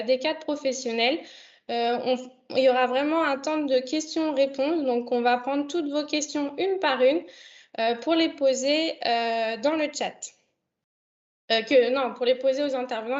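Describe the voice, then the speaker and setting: Woman, young, high-pitched, hesitant, lots of fillers, online event host, muffled video call audio. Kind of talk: hosting a video conference. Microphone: computer mic on a video call.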